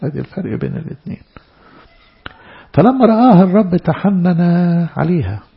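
Gravelly Egyptian preacher, man. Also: sits high, sing-song, brisk, highs cut off. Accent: Egyptian Arabic. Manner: emphatic, swinging between loud stresses and soft asides. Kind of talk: church sermon.

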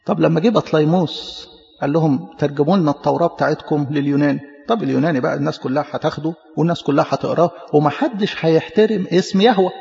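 Racing through a teaching sermon, a man with an Egyptian Arabic accent uses a fairly high, creaky, darkish voice. He stresses his explanations and stumbles on repeated words. The audio is muffled lo-fi with hall echo.

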